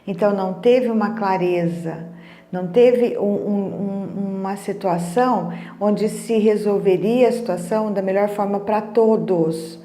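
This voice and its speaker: Brazilian woman, mellow voice, echoey room. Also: medium pitch, unhurried, a little hiss or hum. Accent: Brazilian Portuguese. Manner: conversational, frequent tag questions, retells dialogue. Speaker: emotional wellness speaker. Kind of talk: casual teaching monologue.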